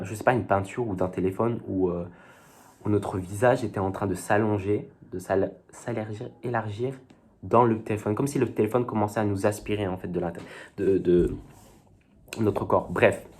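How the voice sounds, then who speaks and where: Young man, very low voice, casual vlog chat, hesitant, slangy, lots of fillers. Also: a little mellow, a little hiss or hum. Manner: rambling and hesitant, youthful slang, many fillers. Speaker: vlogger. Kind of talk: casual talk to camera.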